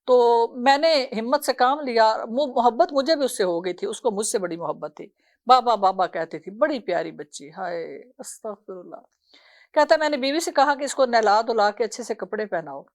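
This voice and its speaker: A woman's voice: fairly high pitch, lively intonation. A middle-aged woman preaching a sermon, telling a story with emotional sighs and laments. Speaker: religious preacher.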